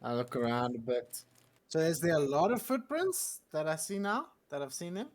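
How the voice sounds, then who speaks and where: A man's voice: fairly high pitch, lively intonation, normal speed. A man chatting casually as a player in a tabletop game, hesitant and giggly.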